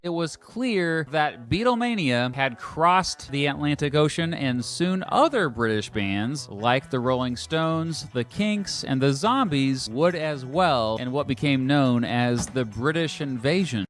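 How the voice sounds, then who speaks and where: A man's voice: mid-range voice, expressive, a little slow, few pauses. A man delivering scripted documentary narration about music history, with emphatic, punchy phrase endings.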